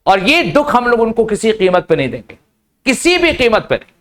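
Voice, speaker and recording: एक पुरुष शिक्षक जो कोचिंग क्लास में छात्रों को "बेटा" कहकर समझाते हुए अंग्रेज़ी पढ़ा रहे हैं।. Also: male voice, sits high, moderate pace. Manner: addresses students as beta, lively and coaxing. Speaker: English teacher. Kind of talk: classroom lecture. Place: coaching classroom.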